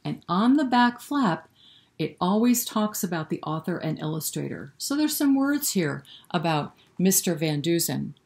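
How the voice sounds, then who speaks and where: Here a woman runs an interactive read-aloud with songs for young children, questioning and encouraging them directly. Her voice is on the low side, very animated, creaky and a bit mellow, and she keeps a measured pace.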